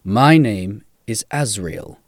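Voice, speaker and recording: Guy doing a harsh deep stern stranger, slow and commanding, storybook style. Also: lively intonation, no echo, studio quality. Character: stern, imposing grown man with a harsh, deep voice. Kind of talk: audiobook character voice.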